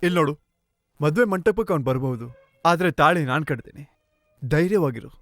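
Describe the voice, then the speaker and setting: A man's voice: on the high side, animated, a little fast, no room sound, clean studio sound, soft background music, natural voice. A man dubbing a defiant young hero. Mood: reassuring. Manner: resolute, reassuring.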